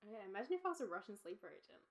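She is a woman, co-hosting a laid-back podcast. Her talk is casual, teasing and quick to giggle, pitched in an ordinary middle range. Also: very animated, low-quality recording. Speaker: podcast co-host. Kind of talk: casual chat.

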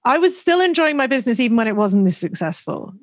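A woman's voice: a little high, very animated, quick pace, no room sound. A woman in her forties, a business coach and podcast guest, talking candidly in a chatty storytelling manner. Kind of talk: casual conversational interview.

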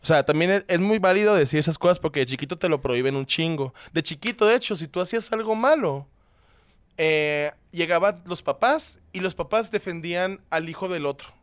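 A man's voice: a little high, animated, a little fast, clean tone, dry recording, clean studio sound. A young man from Mexico, chatting casually and giving his opinions bluntly, with casual swearing. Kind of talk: casual podcast chat.

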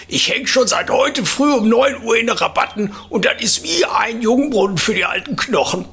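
Casting: male performer as chatty old Ruhr grandpa, rambling stories, bright gravelly delivery, folksy podcast comedy. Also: high voice, expressive, normal speed, soft background music, pitched above the performer's own voice, full character voice. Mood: cheerful. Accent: Ruhr area German. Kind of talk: comic storytelling in a podcast.

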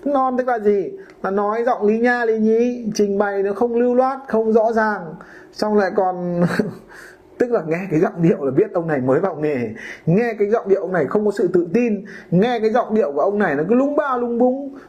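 High-voiced man in a casual podcast talk. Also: moderate pace, darkish tone, lo-fi sound. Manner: colloquial, acts out homeowners and brokers in quoted voices. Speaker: podcast host, real estate broker.

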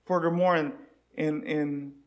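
A man delivers a sermon in a high, light voice. He pleads earnestly with his listeners and keeps asking them rhetorical questions. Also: fairly even intonation, a little slow. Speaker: preacher.

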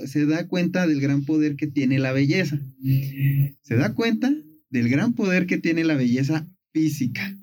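A man casually retelling a myth on a talk show. His voice sits a bit high, and he tells the story playfully, with plenty of fillers. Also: darkish tone.

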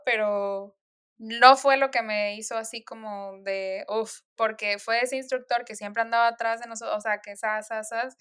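A woman's voice: fairly high pitch, fairly bright tone, clear, resonant tone. A young woman telling stories in a casual chat, full of fillers and laughs. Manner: chatty storytelling with frequent laughs and fillers.

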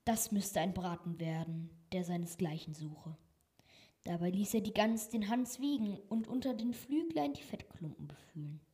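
A woman reading a fairy tale aloud, expressive and lively in her storytelling. Her voice is husky and warm-toned, dark rather than bright. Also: mid-range voice, moderate pace.

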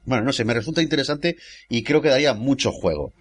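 A man's voice: medium pitch, lively intonation, quick pace. A man with a Spain accent hosting a casual, confiding film discussion. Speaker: film show host.

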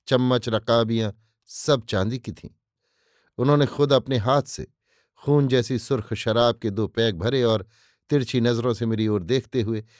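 Male story narrator, measured literary reading, mid-pitched voice, dry sound. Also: darkish tone, no room sound.

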